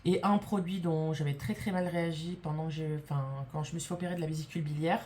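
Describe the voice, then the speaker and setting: A woman's voice: deep voice, fairly even intonation, fast talker, darkish tone, slight background noise. A woman vlogger telling a story to camera in a casual way. She is emphatic and indignant, swears freely, and acts out the people she quotes.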